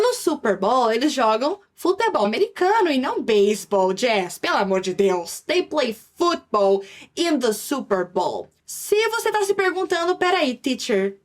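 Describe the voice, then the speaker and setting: Brazilian woman, english teacher, high bright voice, chatty, slows down for examples. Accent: Brazilian Portuguese. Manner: lively, chatty, switching into slow English examples. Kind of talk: online language lesson.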